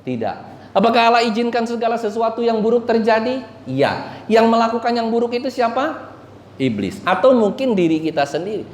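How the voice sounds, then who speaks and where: A man's voice: very high voice, sing-song, fairly quick. A male pastor preaching a conversational sermon, quizzing the congregation and joking with them. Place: church. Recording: echoey church hall.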